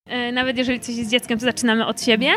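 A woman from Poland, her voice sitting noticeably high, talks through child learning methods in an earnest, conversational way. She leans on practical examples as she explains. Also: little pitch movement, very fast, fairly bright tone. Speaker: child education specialist. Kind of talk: conversational interview answers.

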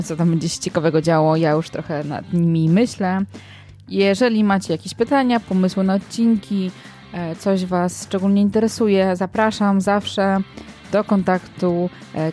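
A woman's voice: on the low side, dark tone. A woman hosting an informal podcast, speaking hesitantly and repeating words for emphasis. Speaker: podcast host. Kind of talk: informal podcast interview and sign-off.

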